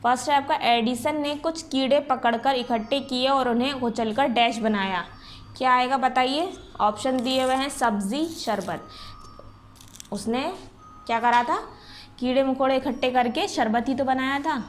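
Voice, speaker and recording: A woman's voice: high voice, normal speed, a little hiss or hum. A woman teacher going through a school lesson step by step, asking the class questions and answering them herself. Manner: patient, explains step by step and asks the class questions.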